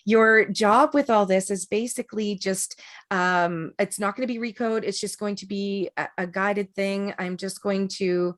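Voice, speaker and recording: A woman's voice: mid-range voice, fairly even intonation, measured pace. A woman teaching an online energy work class, chatty and rambling with many fillers, over a video call. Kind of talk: casual online class talk.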